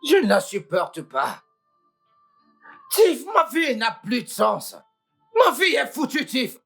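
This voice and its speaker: A woman's voice: a little high, wildly swooping pitch, slow pace, vocal fry, slightly rough, faint music behind, heavily acted. A woman dubbing a panicked young husband in a French film dub, groaning, pleading and exasperated. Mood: despairing.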